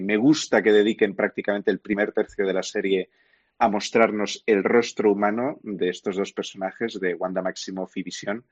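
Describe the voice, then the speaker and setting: With a lowish, slightly rough voice and a Castilian Spanish accent, this television and film reviewer explains his opinions in a conversational radio segment. The recording is muffled but has no echo.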